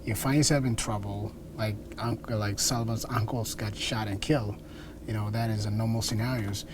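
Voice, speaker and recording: Coaching lines and recalling his experiences, this young South Sudanese dialect coach speaks with a Dinka accent. His voice is lowish and steady at a moderate pace, with clear background noise and ambience in the recording.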